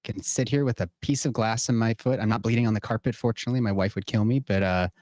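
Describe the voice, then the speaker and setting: A man's voice: lowish voice, fast talker, darkish tone, dry recording. A man in his thirties talking as a podcast guest, earnest and playful. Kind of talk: casual chat.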